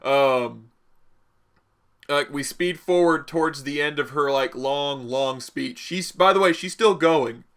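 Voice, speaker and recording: A man with a bright, forward voice narrates a tabletop game as its host. He talks casually and rambles, restating phrases as he improvises the story. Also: a little high, takes it slowly, smooth. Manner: rambling, repeats and revises phrases.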